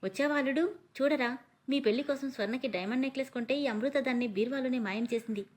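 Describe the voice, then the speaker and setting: A woman's voice: high voice, fast. A woman voicing a scheming middle-aged aunt who scolds and wails in a storybook reading. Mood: accusing. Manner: scolding, wailing.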